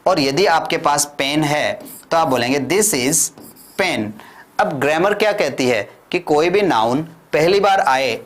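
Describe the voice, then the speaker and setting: A man with an Indian accent teaching spoken English in a classroom, drilling slow model sentences and asking the class to repeat. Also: on the high side. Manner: asks the class and answers himself. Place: classroom with whiteboard.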